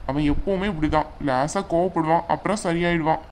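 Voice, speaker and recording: A woman voicing a calm, reassuring young man in a cartoon. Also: deep voice, brisk, slight background noise, natural voice. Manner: reassuring, easygoing. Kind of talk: cartoon voice acting.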